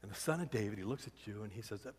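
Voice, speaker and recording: Male pastor at the pulpit, soft then loud, long hall echo. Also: lively intonation, racing, breathy edge. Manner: swings from soft and low to loud, cries out quoted pleas. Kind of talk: sermon.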